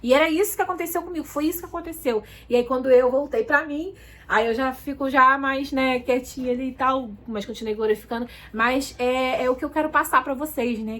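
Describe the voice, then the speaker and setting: A woman's voice: sits high, fairly even intonation, brisk, rough recording. A woman giving an emotional personal testimony to her viewers in a casual, repetitive way, calling out to them often. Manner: self-described shy and soft-spoken. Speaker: vlogger giving a religious testimony.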